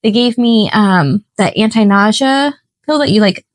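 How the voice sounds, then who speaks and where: A woman's voice: mid-range voice, animated, measured pace, no room sound, poor audio. A woman co-hosts a casual podcast chat in a mid-range voice. She rambles and makes self-deprecating jokes, often trailing off mid-thought. The sound is close and dry. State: just recovered from flu. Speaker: podcast co-host.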